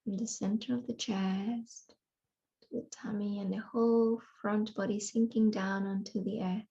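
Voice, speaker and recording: A yoga nidra teacher guides a relaxation meditation in a mellow, dark voice that barely rises or falls, keeping a level tone with a creaky, breathy edge. She speaks soothingly in unhurried phrases broken by long pauses, and the audio sounds dull.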